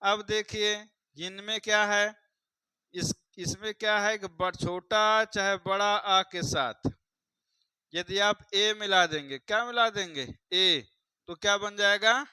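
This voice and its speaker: A man's voice: high-pitched, slow, sharp tone, clean tone, no echo, poor audio. A man teaching a grammar lesson for exam students, repeating each point and putting questions to his viewers. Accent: Hindi. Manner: repeats points, quizzes viewers, addresses them as friends.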